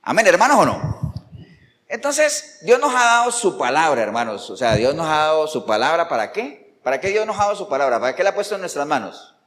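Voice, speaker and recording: A man's voice: a little high, big pitch swings, brisk, a bit bright. A man preaching a Sunday sermon, who keeps asking the congregation questions and answering them with sudden emphatic jumps. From Colombia. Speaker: pastor. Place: church sanctuary. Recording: church hall reverb, faint background noise.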